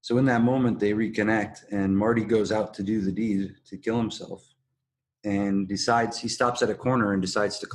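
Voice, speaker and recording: A man co-hosting a podcast, explaining and analysing in a measured, casual conversational way. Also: on the low side. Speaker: podcast co-host. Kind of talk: casual analytical discussion of a TV drama.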